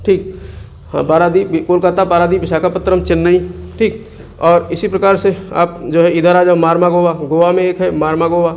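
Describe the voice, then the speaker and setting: Students get walked through exam map work by a male teacher whose voice sits high, with a flat, darkish delivery at a moderate pace. He answers his own questions and repeats each place name for drilling.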